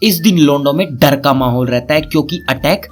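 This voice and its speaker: A man's voice: on the high side, fairly quick, over loud music. A young man telling a crude, sarcastic roast story as a comedy storyteller. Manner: sarcastic, cheeky, vulgar.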